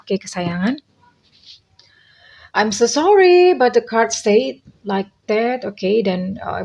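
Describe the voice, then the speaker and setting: A woman giving a casual tarot reading to her viewers in a gentle, reassuring way, calling them dear and slipping in English phrases. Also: medium pitch. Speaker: tarot reader.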